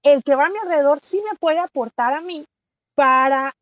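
A middle-aged woman with a Mexican accent, talking as a guest in a casual conversation, animated and chatty, often pausing on fillers and correcting herself. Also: high-pitched, lo-fi sound. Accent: Mexican Spanish.

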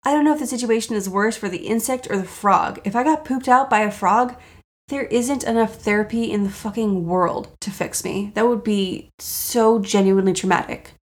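Woman, podcast host, raspy sore-throat voice, strong vocal fry, mid-pitched, casual, self-deprecating, sweary comedic delivery. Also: normal speed.

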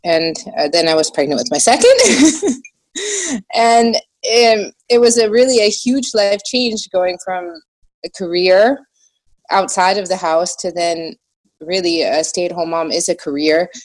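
An American woman with a slight German accent, chatting casually and haltingly in an interview, often restarting her sentences. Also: on the low side, animated. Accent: American with a slight German influence. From United States. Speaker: podcast guest, small shop owner.

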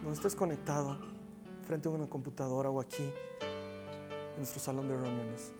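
A man preaching a sermon as pastor, earnest, rising to loud urging and dropping to near whispers. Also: medium pitch, steady tone, moderate pace, over loud music. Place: church meeting hall, also streamed online.

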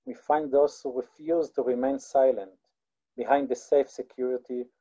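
A man who speaks Hebrew natively and has an Israeli accent gives an online lecture, moving slowly and haltingly with lots of fillers and restarts. His voice is medium in pitch, steady and mellow, and the audio sounds dull.

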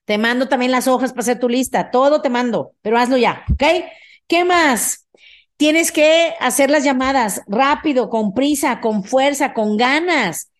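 Woman, Mexican accent, high voice, emphatic, energetic, motivational podcast host, middle-aged. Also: unhurried. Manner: energetic, emphatic, often asks "ok?".

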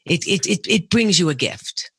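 A woman's voice: on the low side, lively intonation, moderate pace, fairly bright tone. A woman guest on a radio show talking conversationally, giving earnest, emphatic advice in short phrases.

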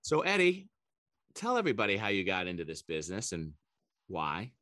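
A man hosting a business podcast, reading a measured intro and asking his guest questions. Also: low-pitched, huge pitch swings, sharp tone, no echo. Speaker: podcast host.

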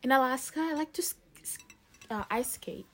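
A teenage high school student from Lebanon answers interview questions casually and hesitantly, full of fillers and restarts. She speaks at a moderate pace with a fairly bright tone.

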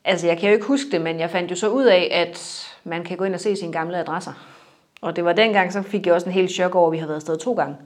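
Soft-spoken low-voiced woman, reflective. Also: steady tone. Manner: reflective, halting, trails off softly. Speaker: interviewee. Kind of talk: personal interview.

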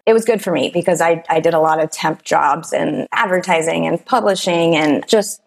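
A woman in her late forties chats easily as a podcast guest, explaining her teaching career. Her voice sits a bit low for a woman. She talks in loose, rambling sentences full of fillers and quick little laughs. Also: vocal fry. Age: 40s. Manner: chatty, frequent fillers and short laughs. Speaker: guest, yoga teacher and author. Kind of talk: casual interview conversation.

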